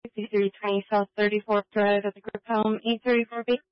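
A woman's voice: mid-range voice, little pitch movement, a little fast, a little hiss or hum. A woman working as a police dispatcher, reading out addresses and codes in clipped radio calls over a walkie-talkie. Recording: tinny, dry radio channel.

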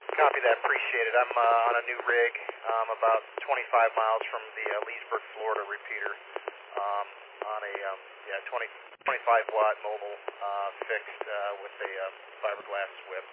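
Man, amateur radio operator, halting check-in chat, crackly two-way radio, tinny band, noisy signal. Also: on the low side, flat delivery. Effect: crackly two-way radio transmission.

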